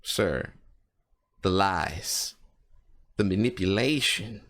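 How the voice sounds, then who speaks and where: A man's voice: sits low, takes it slowly, a bit bright. A young man co-hosting a reaction video, chiming in with short quips and rambling asides. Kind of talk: casual banter.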